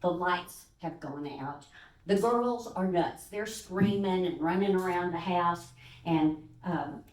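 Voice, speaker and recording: A woman's voice: fairly low pitch, takes it slowly. An older woman from Texas, a guest speaker giving a sermon, telling stories with fillers and acting out the voices of the people in them. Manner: animated storyteller who acts out voices, with fillers. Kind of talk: storytelling sermon. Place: church sanctuary. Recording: roomy sound from a distance.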